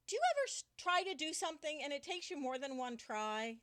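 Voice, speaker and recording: A woman teacher reading a picture book aloud to children indoors, animated and stopping often to ask the children questions. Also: high-pitched.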